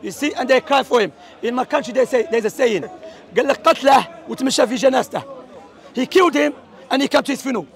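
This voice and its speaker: A man from Algeria preaches in a heated street debate with a strikingly high, gravelly voice. He talks fast and forcefully, dropping Arabic quotations into his English. A faint crowd murmurs around him outdoors. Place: outdoors at a public speaking corner.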